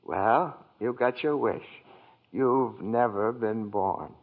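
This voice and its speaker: An older actor playing a gentle, fussy male angel with quaint old-fashioned phrasing, in 1940s radio acting on an old broadcast. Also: fairly low pitch, slow, phone-quality sound. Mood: earnest.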